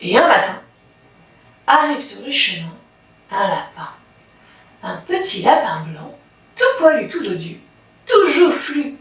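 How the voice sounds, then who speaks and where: Slow, high-voiced woman reading a children's story. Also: very animated, a bit bright. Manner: slow, deliberate, dramatic pauses. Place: library. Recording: very echoey room, from far off.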